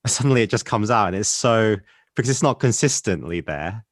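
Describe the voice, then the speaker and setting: Animated man co-hosting a podcast. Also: on the low side, a little fast, no echo, studio quality. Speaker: podcast co-host. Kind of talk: casual chat.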